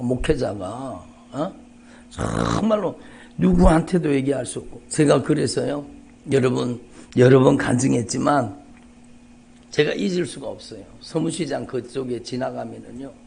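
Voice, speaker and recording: A middle-aged pastor tells an emotional testimony from the pulpit, his raised voice carrying a gravelly edge. He repeats phrases, dropping to near-whispers and then building again. Faint church noise sits behind him. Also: on the high side, a little mellow. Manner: emotional, repetitive, rising and falling intensity. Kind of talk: dawn service sermon, personal testimony. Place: church sanctuary.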